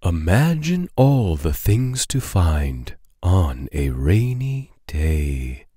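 A male narrator reads children's rhyming poetry aloud from a storybook in a playful, deliberate, sing-song way. His delivery is expressive, with big pitch swings, a measured pace, and a breathy edge, and the sound is very dry with no echo.

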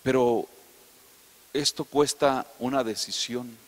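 A middle-aged man with a Mexican accent preaching a sermon, swinging from loud emphatic declarations to soft, confiding asides. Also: mid-range voice, fairly even intonation, slow pace, in a large hall. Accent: Mexican Spanish. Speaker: apostle preaching.

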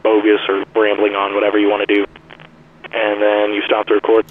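A low-voiced man comes through a cheap AM radio style filter that strips out the bass and treble and crushes the sound. He rambles loosely, as if improvising. A faint hiss sits under the filtered playback. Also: monotone, brisk. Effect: lo-fi AM radio style filter, thin and crushed. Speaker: tutorial maker. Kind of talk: casual unscripted tutorial.

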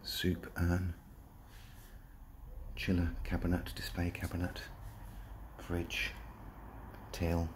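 A very low, deep man's voice with an English accent, listing features in a plain, matter-of-fact way as he walks through empty rooms. His delivery stays almost completely monotone, recorded on a handheld phone with a faint hum of room ambience behind him. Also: slow, long pauses. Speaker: property seller giving a walkthrough. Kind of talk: casual property tour narration. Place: empty rooms of a shop building, indoors. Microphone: handheld phone, walking.

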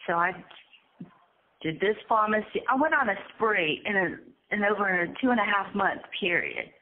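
Nervous, gravelly woman on a tinny phone line. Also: mid-range voice, very animated. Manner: hesitant, halting, with frequent ums. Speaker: incarcerated interviewee. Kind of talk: casual conversational storytelling.

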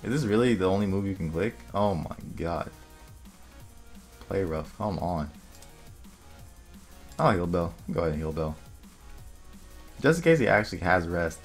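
A young man casually commentating his own online game, thinking aloud and muttering quick asides to himself. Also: low-pitched, animated. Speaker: gaming video creator. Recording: faint music underneath.

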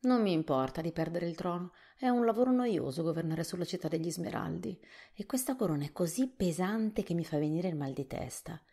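A woman reading a storybook softly, voicing a thoughtful, worried male scarecrow king. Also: fairly low pitch, expressive, brisk, slightly rough.

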